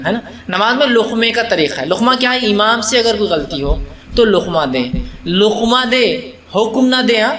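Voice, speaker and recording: Man, Islamic preacher, high-pitched, religious talk answering questions, rhetorical questions, roomy echoing recording. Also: a bit bright. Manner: explains step by step with rhetorical questions; mixes English words into his speech.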